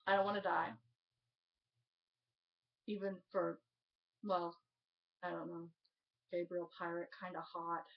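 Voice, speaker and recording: A young woman talking casually to her webcam at home, answering fan questions in a chatty, giggly way with lots of ums and free swearing. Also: lowish voice. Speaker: role-play blogger answering fan questions. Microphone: webcam mic. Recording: dull lo-fi webcam audio.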